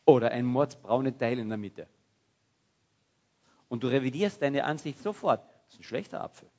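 A man preaching a sermon in a lively, conversational way. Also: medium pitch, normal speed, pauses often, dull audio. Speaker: pastor.

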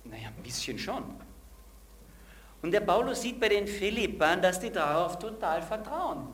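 A man's voice: high-pitched, very animated, normal speed, fairly bright tone, slight background noise. A man preaching a sermon and asking the congregation direct questions.

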